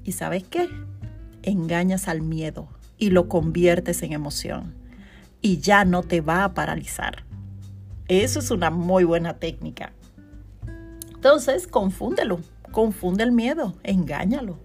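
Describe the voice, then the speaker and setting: A woman. She hosts a motivational podcast as a coach and talks in an animated, chatty way, laughing often. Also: on the low side, a little slow, faint music behind. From Dominican Republic. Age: 40s.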